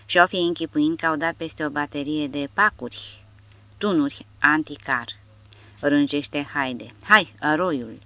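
A woman narrating an audiobook in a steady, measured reading. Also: low-pitched, no room sound, lo-fi sound.

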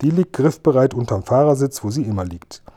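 A pompous, bumbling village police sergeant, as a man voices him in a storybook reading. He blusters with self-important authority in a warm, mellow tone. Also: mid-range voice, lively intonation, fairly quick, natural voice. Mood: blustering.

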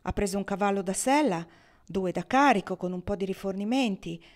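A woman's voice: mid-range voice, brisk, lightly acted. A woman voicing a big, friendly, bearded male gold prospector in an audiobook, earnest and incredulous. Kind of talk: audiobook reading.

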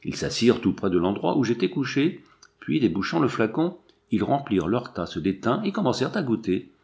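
A man reading an adventure novel aloud in a steady storytelling delivery. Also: mid-range voice, a little fast, gravelly. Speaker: audiobook narrator. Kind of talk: scripted narration.

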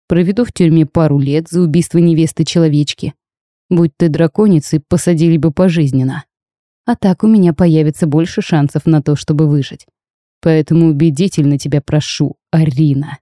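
Audiobook: woman reading a cold, threatening dragon bridegroom, curt and harsh, in a dark mellow low voice, dry close sound. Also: normal speed, dry recording, natural voice. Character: stern young male dragon groom, cold and threatening.

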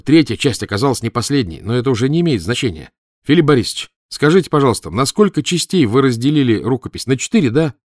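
A man's voice: medium pitch, very animated, fast talker, a little mellow, dry recording, clean studio sound, pitched above the performer's own voice. Man doing an eager young scholar. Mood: elated. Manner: eager, urgent.

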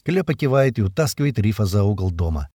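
Male narrator for a gritty action audiobook: dark, slightly raspy tone, dry close recording. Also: lowish voice, sing-song, fast talker, no echo. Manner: vivid, tense storytelling that voices the soldiers' shouts. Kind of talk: first-person action audiobook reading.

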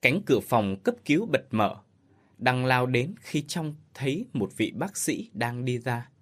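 A man's voice: medium pitch, sing-song, a little slow. Man narrating a ghost story. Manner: dramatic storytelling delivery.

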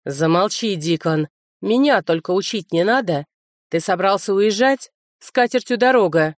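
A woman reading a hot-tempered, domineering male dragon lord who growls out loud commands. The storybook voice is dry and close. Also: mid-range voice, normal speed, no room sound, close to an everyday voice. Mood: angry.

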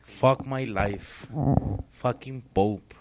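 A man's voice: medium pitch, drawn-out words, noisy background. A man co-hosting a podcast in casual chat, joking and teasing his co-host.

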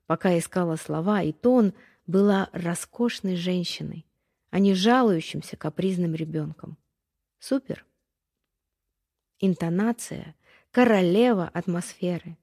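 A woman coach reading her own self-help text aloud, gentle and unhurried as she guides listeners through practice steps. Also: medium pitch. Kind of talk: calm scripted narration with exercises.

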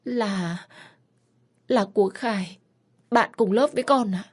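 A woman voicing a frightened seventeen-year-old girl who pleads in halting, apologetic bits. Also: medium pitch, breathy edge, voice pushed up. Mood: tearful.

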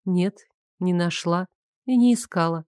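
A woman's voice: lowish voice, measured pace, a little mellow, smooth, no room sound, studio quality, close to an everyday voice. A woman reading the part of a firm young woman who speaks curtly, through gritted teeth. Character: firm, cold young woman ending an affair.

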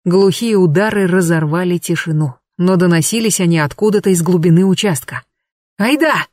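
A woman narrating an audiobook in a measured, expressive reading. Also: on the low side, no echo, studio quality. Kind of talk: scripted narration.

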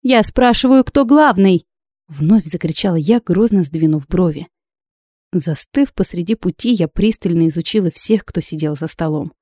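A woman reading a first-person story as an audiobook narrator, lively and expressive. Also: lowish voice, normal speed, husky, dry recording, studio quality.

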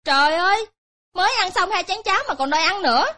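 A shrill scolding daughter-in-law. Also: female voice, expressive, fast, exaggerated voice. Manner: shouting, indignant.

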